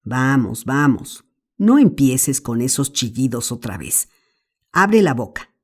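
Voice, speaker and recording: A woman's voice: a bass voice, big pitch swings, takes it slowly, slightly rough, heavily acted. A woman voicing an elderly aunt who scolds and fusses over a boy, in an audiobook. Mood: scolding. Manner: scolding, flustered. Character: fussing elderly aunt, loving but stern.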